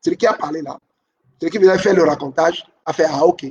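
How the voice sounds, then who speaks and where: A man with a notably high voice gives relationship advice in a steady, instructive talk. He drives points home by repeating them and keeps pausing to check that listeners follow. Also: distant mic, muffled recording.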